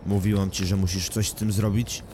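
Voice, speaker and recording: A man's voice: sits low, little pitch movement, fairly quick, noisy background, lightly acted. A man voicing a worried young wife in an audiobook, insistent and reproachful toward her husband.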